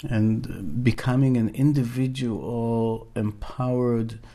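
In an interview, a middle-aged Israeli man who facilitates workshops talks earnestly and slowly, hunting for words amid frequent fillers and restarts. His medium-pitched voice has a dark tone and fairly even intonation.

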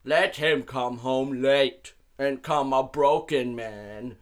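A howling, one-eyed giant , voiced by a man, hurls curses and threats from his cave. His voice rides high and swings wildly up and down, bright and cutting, and he drags his words out very slowly. It is an amateur stage reading. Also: heavily acted. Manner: bellowing threats and wailing curses. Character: huge one-eyed male giant, blinded and raging.

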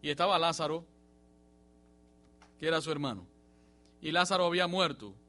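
A man preaching a sermon in a church, swinging from emphatic rising bursts to quiet, low passages. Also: moderate pace. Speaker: pastor.

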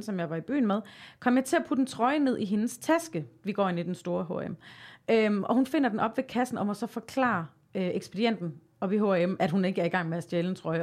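A woman in her thirties from southern Denmark, casually telling stories in a podcast quiz game, lively and laughing as she talks. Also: medium pitch. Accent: Danish, from southern Jutland. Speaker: podcast guest.

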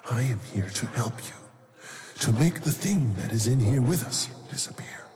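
A man voicing a sly, inhuman shadow creature that coaxes in a hushed, half-whispered way. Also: medium pitch, expressive, moderate pace. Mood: coaxing menace. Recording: long hall reverb with clear noise.

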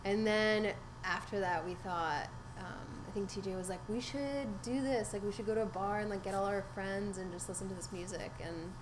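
A young woman from Hungary, a music event organizer, telling her story in a relaxed, casual way full of likes and ums. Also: medium pitch, normal speed, hardly any pauses. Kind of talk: casual interview answers. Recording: noisy ambience behind.

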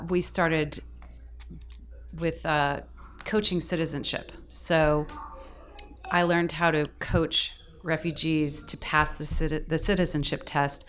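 A woman who volunteers as a mentor, speaking in a measured, thoughtful way in an interview. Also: sits low, fairly even intonation, slight background noise. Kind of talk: casual interview talk.

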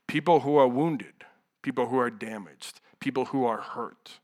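A man's voice: medium pitch, normal speed, a little mellow. A young adult man preaching a sermon in a candid, conversational way, full of asides and rhetorical questions.

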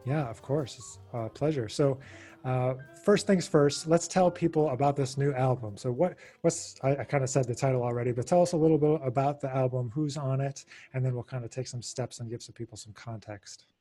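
A man hosting a podcast, asking relaxed questions with the odd filler. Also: medium pitch, brisk, soft background music. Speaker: podcast host. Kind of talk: casual interview chat.

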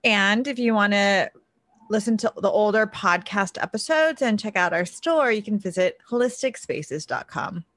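A woman co-hosting a podcast who reads the scripted intro briskly, then chats casually. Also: mid-range voice, lively intonation, fairly bright tone, no echo. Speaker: podcast co-host.

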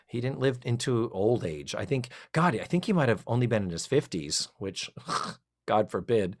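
Middle-aged co-host, animated and rambling, acts out quotes with a lively, swinging pitch. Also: normal speed. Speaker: podcast co-host. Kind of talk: casual chat recapping a TV episode.

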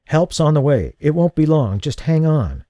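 A man's voice: a little high, sing-song, moderate pace, warm tone, no room sound, clean studio sound, voice pushed up. A man voicing an exhausted, battered man who talks in panting, urgent phrases. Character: exhausted, battered man looking after his friend.

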